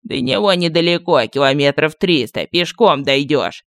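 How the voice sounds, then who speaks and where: A woman's voice: low voice, normal speed, dry recording, clean studio sound. Woman playing brusque, irritable male vampires. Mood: hostile. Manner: brusque, shouting people away. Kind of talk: audiobook character voicing.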